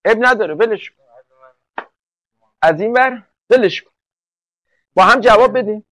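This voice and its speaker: A male English teacher giving an online class lecture. He fires quick questions at the class, often answers them himself, and slows down to spell out example sentences. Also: high voice, a bit bright, no echo, rough recording.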